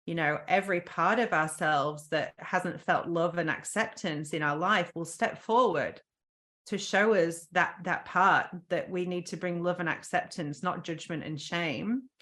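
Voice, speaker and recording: A woman's voice: lowish voice, a little slow, fairly bright tone. A woman guest on a podcast, earnestly telling a personal story with frequent ums and restarts.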